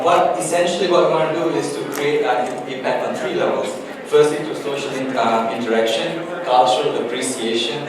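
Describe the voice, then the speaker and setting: A man giving a structured, fluent project pitch with a few fillers. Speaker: workshop participant pitching a project. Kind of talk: prepared elevator pitch. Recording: echoey hall, distant mic, audience noise.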